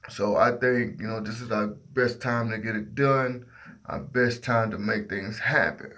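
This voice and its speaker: A man's voice: on the low side, a little slow, bright, forceful tone. A sleepy man hosting a casual sports livestream, giving his opinions while half asleep and groping for words as his train of thought drifts. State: sleepy, half asleep after working all night.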